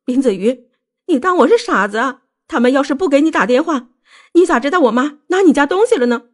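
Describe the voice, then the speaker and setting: Woman doing a young wife on the edge, high shrill screaming, tearful rage; audiobook. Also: very animated, a little fast. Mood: shrill hysteria.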